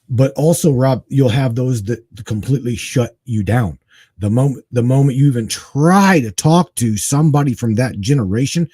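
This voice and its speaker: A man's voice: medium pitch, warm tone, breathy edge, no echo. A man in his forties co-hosting a talk show, speaking emphatically and animatedly with casual slang. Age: 40s. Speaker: guest co-host. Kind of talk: casual conversation.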